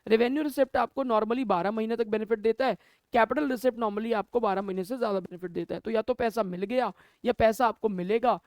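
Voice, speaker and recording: Captured on a camera mic with no room sound, a commerce teacher with a high, darkish voice speaks fairly quickly. He teaches an accounting class, mixing Hindi with English terms as he poses questions to students and answers them himself.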